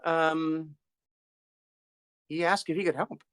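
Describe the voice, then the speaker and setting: A man's voice: a little high, steady tone, slow pace, fairly bright tone, clean tone. A middle-aged man tells stories as a ventriloquist guest in a casual interview, stammering over repeated words and chuckling. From Boston.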